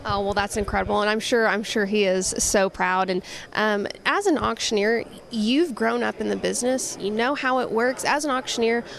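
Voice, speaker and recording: A woman's voice: medium pitch, normal speed, gravelly, hardly any pauses. An American woman hosting a broadcast interview in an upbeat, complimentary manner. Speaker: show host.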